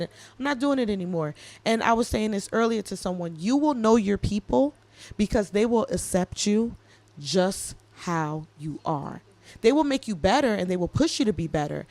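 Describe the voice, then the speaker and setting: Woman in her thirties, podcast co-host, casual chat, animated and joking, heartfelt. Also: fairly low pitch. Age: 30s.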